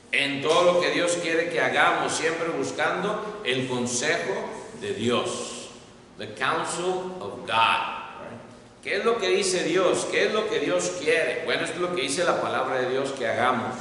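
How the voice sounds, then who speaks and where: A man's voice: a little high, pushed and bright. A man teaching a Bible class, asking the class questions and repeating his points in English. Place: church hall. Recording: echoey hall, far from mic, faint noise.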